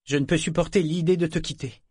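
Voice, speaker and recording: A torn young sailor woman, her voice lifted high and fretful, earnest in every line, as a man reads her. Dry, close storybook reading. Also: steady tone, fast, slightly rough, no room sound. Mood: anxious.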